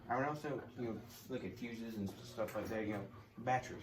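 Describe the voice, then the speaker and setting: A young man giving a casual how-to to camera, halting as he searches for words. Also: medium pitch. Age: young adult. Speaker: video host. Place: garage, phone on tripod a few feet away. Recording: clearly noisy garage phone recording.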